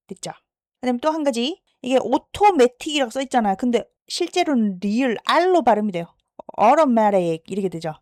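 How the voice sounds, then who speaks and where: Higher-pitched woman teaching vocabulary. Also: darkish tone, dry recording, studio quality. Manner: explanatory, checks understanding with frequent questions; slows down to sound out English words. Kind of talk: lecture-style vocabulary lesson.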